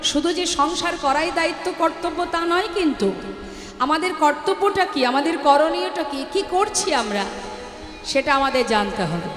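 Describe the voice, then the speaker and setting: A woman's voice: high voice, animated, moderate pace, fairly bright tone. A woman kirtan singer preaching a devotional sermon, stopping to scold latecomers at a live gathering. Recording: echoey hall with music behind. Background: accompanying music.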